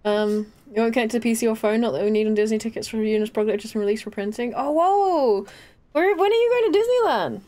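Giggly woman streamer, bright voice. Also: fairly high pitch, animated, fast talker. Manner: giggly, chatty, often laughing. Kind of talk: casual live-stream chat while gaming.

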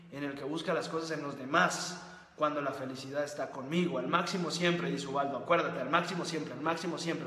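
A fairly high, slightly bright male voice drives a motivational livestream where he reviews books, hammering home repeated phrases and rhetorical questions. The host is heard in an echoey room with long reverb.

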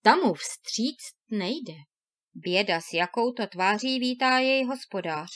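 A woman narrating a classic fairy tale aloud in a measured, expressive storytelling manner. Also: fairly high pitch. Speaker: audiobook reader.

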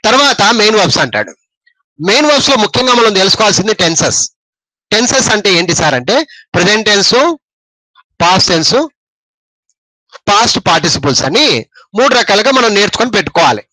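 A man with a Telugu accent teaching an English grammar lesson. He explains slowly, repeats words and keeps quizzing his listeners. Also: high voice, sing-song, sharp tone, dry recording, rough recording.

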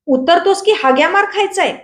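A woman's voice: very high voice, normal speed, a bit bright, reverberant, pitched above the performer's own voice. A woman reading a storybook aloud, voicing a bossy village man who scolds and threatens. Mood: scolding.

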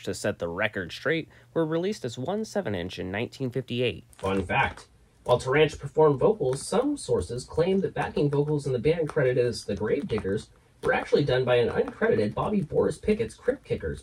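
Male horror host narrator. Theatrical, wry, very animated scripted storytelling, slightly distant microphone. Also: medium pitch, a little hiss or hum. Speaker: horror host puppet presenter.

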